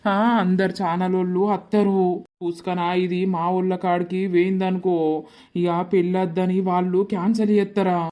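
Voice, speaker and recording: A worried young village man in a cartoon comedy, fretting aloud and snapping in exasperation, as a voice actor plays him. He has a Telangana accent and a middle-pitched voice. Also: little pitch movement, normal speed, mellow. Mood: fretful. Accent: Telangana Telugu. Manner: fretful, exasperated. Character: harassed young village man about to marry.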